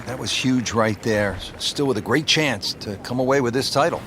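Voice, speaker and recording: A man doing golf commentary, calling shots in measured descriptive lines and putting questions to his partner. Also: medium pitch, noisy background, natural voice. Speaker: golf commentator, play-by-play host.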